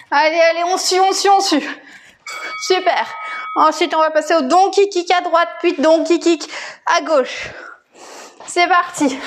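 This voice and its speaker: A high-voiced woman coaches a home workout. She calls out moves and counts at an unhurried overall pace, with energetic, encouraging short commands. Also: slight background noise. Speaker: fitness coach. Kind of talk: home workout instruction, calling out exercises and counts.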